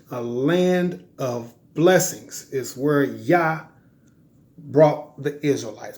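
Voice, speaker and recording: A man's voice: mid-range voice, a little mellow. A man giving an informal religious teaching, talking conversationally and checking in with "right?" and "okay?" after nearly every point.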